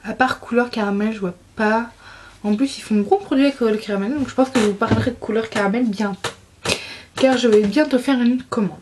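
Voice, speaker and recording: A woman's voice: fairly high pitch, fairly quick, noisy background. A young woman chatting casually about her monthly beauty favorites, enthusiastic and full of fillers and restarts. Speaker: beauty vlogger.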